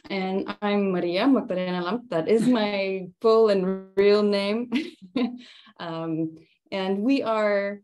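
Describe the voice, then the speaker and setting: A woman's voice: mid-range voice, slow pace, darkish tone. A woman, presenting a workshop in a chatty way, laughing between phrases and using many fillers. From Estonia. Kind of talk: conversational presentation.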